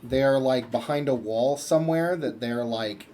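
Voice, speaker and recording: A man's voice: medium pitch, a little slow, mellow. Young man, game master, loose rambling narration, faint background noise.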